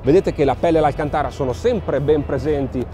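A fairly high-voiced man in his thirties gives an upbeat car show walkaround in a large indoor exhibition hall. He talks fluently but leans on drawn-out "eh" fillers between phrases, with faint music playing behind him. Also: mellow. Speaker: motoring presenter.

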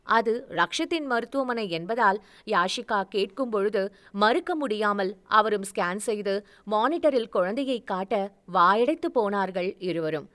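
A woman storyteller reads a serialized romance novel aloud. Her narration is steady and even, at a middle pitch for a woman, carrying the plot from scene to scene. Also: a little slow.

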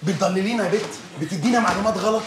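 A man with an Egyptian accent playing a harsh, quick-tempered police officer who taunts and threatens an informant. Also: sits high, reverberant, background noise, natural voice. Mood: taunting. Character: harsh mocking young male cop, quick-tempered. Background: music score.

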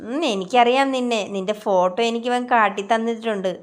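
A woman's voice: on the high side, fairly quick, close to an everyday voice. A woman voicing an affectionate middle-aged mother who fondly scolds and pampers, in a narrated story. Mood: doting.

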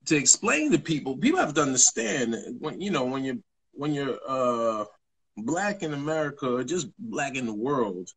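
A man hosts a podcast in relaxed chat, his voice husky and lively in pitch. He speaks thoughtfully, drawing words out and circling back to restart his phrases. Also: normal speed. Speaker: podcast host. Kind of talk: casual chat.

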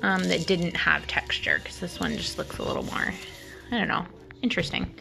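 A woman's voice: on the low side, wildly swooping pitch, normal speed, vocal fry, music in the background. A woman casually narrating a DIY craft project outdoors while filming on a phone in one hand, with lots of "um" and "like". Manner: chatty, lots of "um" and "like", light laughs. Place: outdoors at a patio table. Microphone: phone held in one hand.

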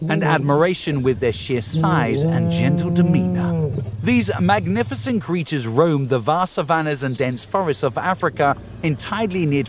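Lively nature-documentary man over outdoor noise. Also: on the high side. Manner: measured, formal nature-documentary delivery. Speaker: narrator. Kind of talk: scripted nature documentary narration.

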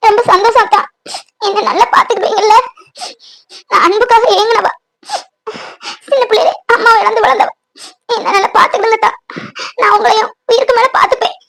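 Cartoon bride-to-be, very high and soft, shy and emotional, voiced by a woman. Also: quick pace. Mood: tearful joy. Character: young village woman, orphaned, tender and emotional. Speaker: bride-to-be on the phone.

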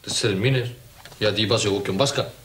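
An actor playing a cheeky young nephew who pleads and teases, with a Cypriot Greek accent. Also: male voice, on the low side, a bit bright, close to an everyday voice. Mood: wheedling. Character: cheeky young nephew, male, wheedling for money. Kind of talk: TV sitcom acting.

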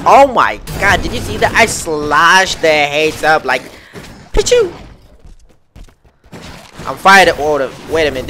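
Excitable man narrating gameplay, bright voice. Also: fairly high pitch, a little hiss or hum. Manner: excitable, repeats phrases, talks to himself. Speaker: gameplay commentator. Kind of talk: live gameplay commentary.

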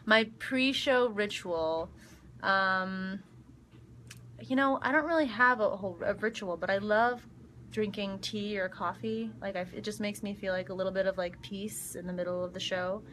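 Young actress, casual live-stream chat, bright tone, chatty with lots of ums. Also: female voice, medium pitch, moderate pace, a little hiss or hum. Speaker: actress answering fan questions. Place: backstage dressing room. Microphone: phone livestream.

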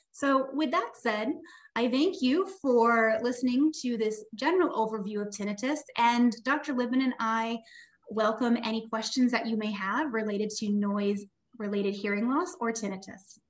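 A woman audiologist presenting on a video call webinar, explaining in a steady, informative way. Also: on the high side. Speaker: audiologist and tinnitus specialist.

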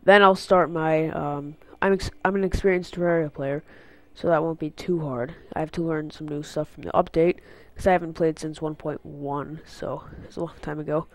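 A teenage gaming channel host speaks at a moderate pace in a fairly high male voice with fairly even intonation and few pauses. His nose is stuffed up from a cold as he rambles through a casual channel update on a headset mic he doesn't know well, using many fillers and going off on tangents. The recording has no room sound.

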